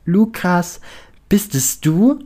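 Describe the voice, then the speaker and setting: A man reading a story and voicing a loud, tipsy, clingy rich young woman with a shrill, overexcited manner. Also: fairly even intonation, normal speed, close to an everyday voice.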